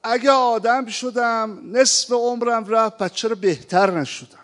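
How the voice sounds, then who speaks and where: Man, preacher, very high pitch, sermon, chanted verses, long reverb. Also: steady tone, a bit bright. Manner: impassioned, rising to emphatic appeals; recites verses in a slow chanting tone. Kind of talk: religious sermon. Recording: reverberant hall.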